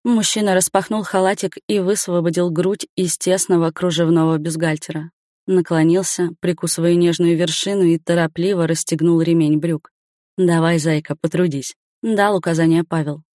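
A woman narrating a story aloud in an even, matter-of-fact reading. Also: lowish voice, moderate pace, dry recording, clean studio sound. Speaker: audiobook narrator. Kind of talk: scripted narration.

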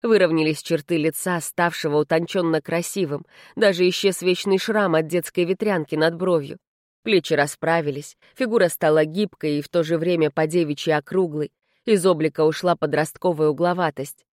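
A woman narrating a fantasy audiobook in a measured, even way. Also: low voice, no echo, studio quality. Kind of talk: scripted narration.

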